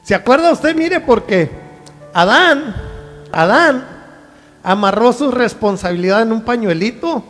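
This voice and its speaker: A man's voice: very high-pitched, lively intonation, a little slow, fairly bright tone, in a large hall, soft background music. A male pastor preaching a sermon in a conversational way, often checking in with the congregation through rhetorical questions.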